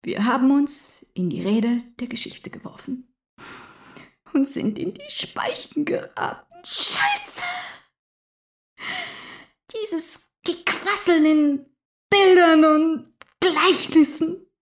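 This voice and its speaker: A bitter young militant locked in a cell, acted by a woman delivers a theatrical stage monologue. The voice sits fairly high and moves slowly, dropping to hushed whispers and then breaking into shouted outbursts. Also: very animated, full character voice. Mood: raging.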